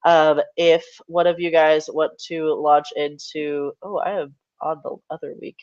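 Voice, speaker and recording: A young man hosts a casual podcast, rambling through updates and stats and correcting himself with plenty of fillers. He sounds congested and nasal, his slightly high voice flat and unhurried. There's no echo, and the highs are cut off.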